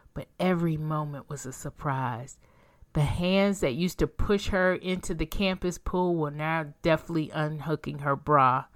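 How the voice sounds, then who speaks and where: A woman narrating a romance audiobook in a calm, even reading voice. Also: sits low. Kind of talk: scripted narration.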